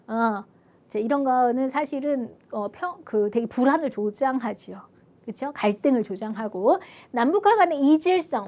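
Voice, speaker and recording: A woman with a bright, high voice gives an exam review lecture as an ethics teacher. She talks in a friendly, chatty way, keeps checking in with listeners, and slips into quick acted-out voices for examples. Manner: chatty, asks "그쵸?" often, acts out little quoted voices.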